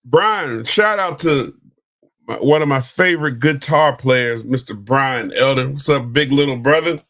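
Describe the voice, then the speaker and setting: Relaxed male live-stream host. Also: mid-range voice, a little slow. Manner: musing, asks rhetorical questions, gives friendly shout-outs. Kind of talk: casual live-stream talk.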